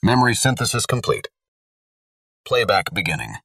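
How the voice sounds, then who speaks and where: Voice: mid-range voice, very animated, moderate pace, creaky, fairly bright tone, recorded from a distance, a little hiss or hum. An actor voicing a cold, procedural computer system in clipped robotic announcements for a sci-fi audio drama.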